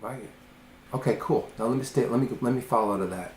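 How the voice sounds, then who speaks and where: A man's voice: medium pitch, a little fast, darkish tone. Emphatic male life coach, roomy sound. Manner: earnest, emphatic, acts out quoted voices. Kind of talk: casual coaching conversation. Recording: roomy, faint ambient noise.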